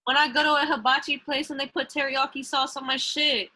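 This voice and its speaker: A woman's voice: sits high, flat delivery, a little fast, pushed and bright, no echo, poor audio. A young woman co-hosting a podcast, chatting bluntly, complaining and swearing freely. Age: young adult. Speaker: podcast co-host. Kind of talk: casual chat.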